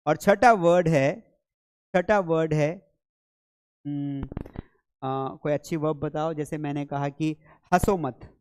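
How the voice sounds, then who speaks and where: Slow man teaching English. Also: on the high side, darkish tone, smooth. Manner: slow, drills phrases by repeating them; addresses viewers as children. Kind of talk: live online lesson.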